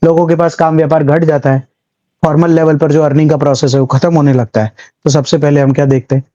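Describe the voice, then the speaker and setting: Speaking fast in a fairly high, mellow voice with little pitch movement, a man teaches history for the civil services exam. His classroom lecture is chatty storytelling with small acted-out scenes and English terms mixed in, and the highs of the recording are cut off.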